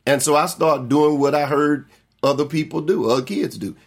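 Folksy middle-aged pastor telling a story. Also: male voice, fairly high pitch, normal speed. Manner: folksy storytelling, acts out quoted relatives. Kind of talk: Bible study teaching with personal story.

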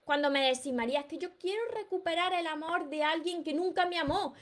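A woman's voice: extremely high pitch, fairly quick. A woman with a Peninsular Spanish accent who hosts a live stream as a self-help author, giving emphatic, encouraging advice and greeting viewers by name.

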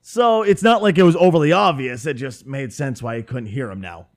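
Ein Mann mit nördlichem Minnesota-Akzent, der locker, derb und scherzend einen Podcast moderiert. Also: male voice, medium pitch, brisk. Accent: Northern Minnesota. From northern Minnesota. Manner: loose, profane and joking. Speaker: podcast host and streamer. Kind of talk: casual podcast chat. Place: home room with window open.

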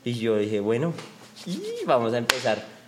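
A man's voice: medium pitch, huge pitch swings, measured pace, background noise. A young man with a Colombian accent, telling crude, joking stories in a casual chat full of slang.

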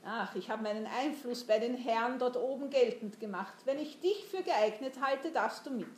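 A woman's voice: on the high side, normal speed, a little hiss or hum, lightly acted. A woman voicing a domineering, mocking older merchant who talks down to a boy in a storybook reading. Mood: commanding. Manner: commanding, mocking. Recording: roomy echo.

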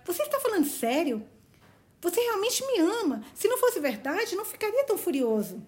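A woman's voice: very high-pitched, very animated, brisk, voice pushed up. Woman voicing unsure young woman, pleading, novel reading. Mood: joyful. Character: doubting, self-effacing young woman.

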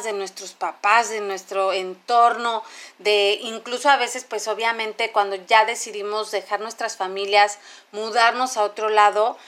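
A woman's voice: a little high, fairly bright tone. A woman hosting a conversation, thinking aloud as she builds her questions. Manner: thoughtful, searching, with fillers and restarts. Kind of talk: conversational podcast talk.

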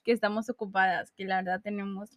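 A woman's voice: medium pitch, flat delivery, fast. A young woman co-hosting a podcast, casual teasing chat with lots of laughter. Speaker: podcast co-host.

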